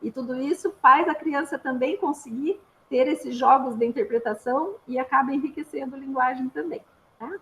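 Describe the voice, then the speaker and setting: A woman's voice: high voice, moderate pace, fairly bright tone, a little hiss or hum, low-quality recording. A woman speech therapist with a Brazilian accent, giving an informal, patient explanatory talk with frequent little tag questions. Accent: Brazilian Portuguese.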